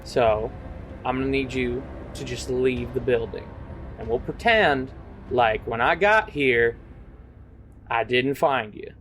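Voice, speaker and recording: A man's voice: medium pitch, takes it slowly, fairly bright tone, a little hiss or hum. Man voicing a folksy desert queen. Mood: warning. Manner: drawling, casual, talks down to outsiders. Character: stern, folksy woman queen of a desert town.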